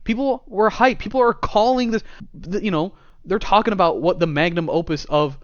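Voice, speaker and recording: A man's voice: high voice, moderate pace, dry recording. A man co-hosting a gaming podcast in casual chat, laughing often and reading quotes aloud. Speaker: podcast co-host. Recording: dull dry podcast mic.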